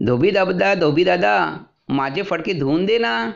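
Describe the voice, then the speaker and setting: A man's voice: high voice, animated, unhurried, gravelly, highs cut off, pitched above the performer's own voice, exaggerated voice. A man doing a cheeky little mouse, sing-song. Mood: pleading. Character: cheeky little male mouse, bold and pestering.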